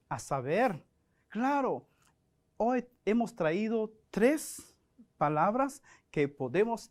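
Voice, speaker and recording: Dominican man, French teacher, slow and deliberate delivery, animated intonation. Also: high-pitched. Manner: slow, deliberate, models pronunciation. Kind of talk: educational broadcast lesson.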